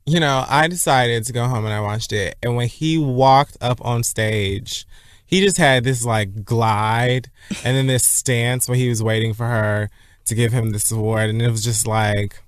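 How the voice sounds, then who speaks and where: A man's voice: mid-range voice, a little slow, clean tone, no room sound, studio quality. A man co-hosting a podcast, chatting in a playful, campy way and swearing freely. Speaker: podcast co-host. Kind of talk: casual chat and ad read.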